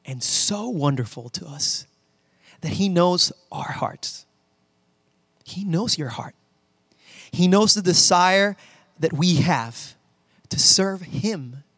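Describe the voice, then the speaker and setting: A male pastor preaching a sermon, telling the story in a lively way and acting out the voices of the people in it, laughing at himself. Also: high-pitched, no echo, clean studio sound.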